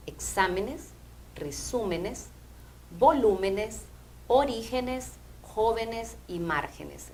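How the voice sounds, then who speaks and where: A woman language teacher, explaining grammar rules in a measured way on a TV program. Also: medium pitch, slight background noise, low-quality recording. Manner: measured, explanatory, often asks "¿verdad?". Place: TV studio.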